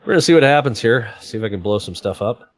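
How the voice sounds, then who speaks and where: A man's voice: fairly low pitch, animated, quick pace, dry recording. A man hosting a casual livestream, joking and laughing often while he rambles about fixing his computer. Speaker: livestream host. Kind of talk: casual stream chat.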